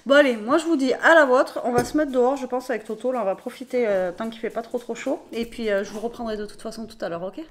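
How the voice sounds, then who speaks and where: Hoarse woman vlogging casually. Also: a little high, quick pace, few pauses. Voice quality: hoarse, raspy voice. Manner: rambling, many fillers, talks to her pet. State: tired, worn out. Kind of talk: casual vlog chat.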